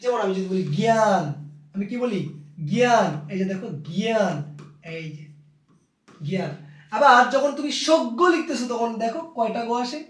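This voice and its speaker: A man teaching a pronunciation lesson, addressing students fondly and slowly repeating each rule. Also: very high-pitched, a bit bright, recorded from a distance. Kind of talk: recorded Bangla pronunciation lesson. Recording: echoey room, voice off-mic.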